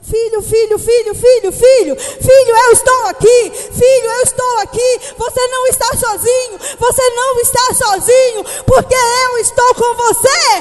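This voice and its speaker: A woman preacher voicing a desperate, loving father who shouts and pleads near tears as he runs to rescue his small son. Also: very high voice, steady tone, normal speed, hardly any pauses, faint music behind, voice pushed up. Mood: urgent, tearful. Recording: echoey hall reverb.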